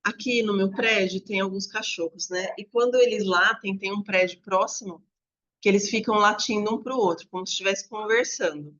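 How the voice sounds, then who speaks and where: A woman's voice: mid-range voice, normal speed, fairly bright tone, lo-fi sound. A woman teacher giving an online lesson, patiently stretching out example words as she explains. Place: home apartment with dogs barking nearby.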